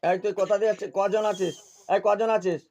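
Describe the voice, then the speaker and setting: Stern high-voiced man barking orders. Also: steady tone, fast, a little mellow. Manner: stern, repeats short demands. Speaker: spiritual healer. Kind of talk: commanding interrogation over a video call.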